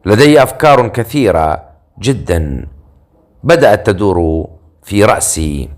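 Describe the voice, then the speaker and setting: A man voicing an excitable male inventor who rambles eagerly about his ideas. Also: lowish voice, a little slow. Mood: excited.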